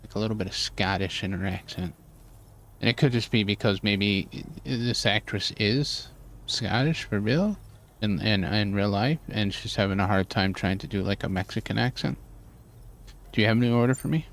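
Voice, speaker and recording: A man commenting casually over a game he is streaming live. He rambles and thinks aloud, piling up fillers, in a somewhat low voice. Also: normal speed. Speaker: gaming streamer.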